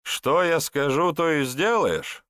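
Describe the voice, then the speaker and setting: A man voicing a suspicious, bossy estate man who mocks a newcomer and shouts orders. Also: fairly high pitch, takes it slowly, no room sound, studio quality, pitched above the performer's own voice. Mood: mocking. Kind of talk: audiobook character voice.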